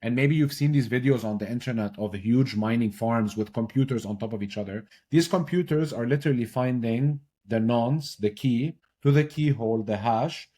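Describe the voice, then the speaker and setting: An energetic young man from Lebanon, speaking in a mid-range voice as a podcast guest. He explains technical ideas step by step in a casual, conversational way, often checking in with a quick "right?". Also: medium pitch. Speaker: podcast guest, blockchain consultant. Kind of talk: casual explanatory interview talk.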